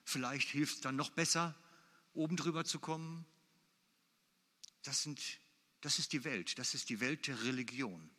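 A man's voice: medium pitch, a little slow, long pauses, sharp tone. A man preaching a sermon in German, emphatic and repeating his key phrases for weight. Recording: long hall reverb.

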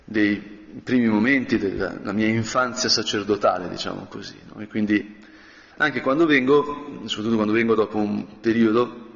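A man, a priest, giving a conversational spoken meditation, often clearing his throat and adding a questioning tag to his sentences. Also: fairly low pitch, normal speed. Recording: dull lo-fi sound with long reverb.

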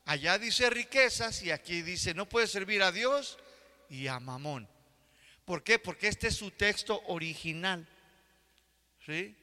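A man's voice: high voice, lively intonation, unhurried, bright, forceful tone, long reverb tail. An older man preaching a sermon as pastor, often checking that the congregation is following along. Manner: asks the congregation for agreement.

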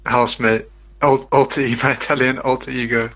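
Man with a British accent running a casual quiz, halting delivery, muffled remote line. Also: medium pitch, flat delivery, gravelly, a bit bright, a little hiss or hum. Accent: British English. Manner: hesitant, filler-heavy, laughs often. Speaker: guest quizmaster. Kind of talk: casual live radio chat.

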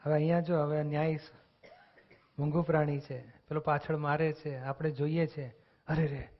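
A man's voice: on the high side, flat delivery, moderate pace. A man giving an earnest spiritual discourse, explaining teachings and acting out short quoted exchanges. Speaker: spiritual discussion speaker. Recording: dull lo-fi recording.

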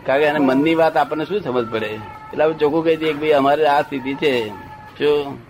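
A man's voice: fairly high pitch, brisk, slight background noise. An older man telling a rambling anecdote in casual chat, often checking that his listener follows. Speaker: storyteller.

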